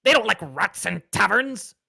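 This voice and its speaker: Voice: mid-range voice, very animated, normal speed, vocal fry, sharp tone, slightly rough, voice pushed up, exaggerated voice. A game master voicing a small, possessive, wary male rat in short, blunt, defensive sentences for a tabletop game. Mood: defensive, indignant.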